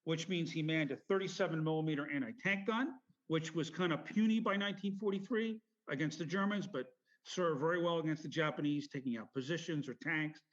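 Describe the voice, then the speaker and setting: A middle-aged man with a somewhat high-set voice is being interviewed as a veteran. He rambles through his recollections, pausing and correcting himself as he goes. The sound is muffled and lo-fi. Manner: halting, meandering, self-correcting. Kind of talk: rambling personal storytelling interview. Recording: dull lo-fi audio.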